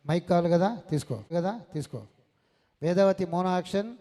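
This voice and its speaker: A man hosting a community singing and acting event, briskly calling up participants and hurrying them along. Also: high voice, mellow. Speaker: event organizer and host.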